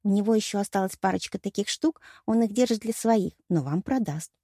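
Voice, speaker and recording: Woman putting on a flirty little mermaid waitress, high and sweet, mellow tone, dry close audiobook sound. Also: a little fast, slightly rough, no room sound. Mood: confiding. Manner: coquettish, confiding.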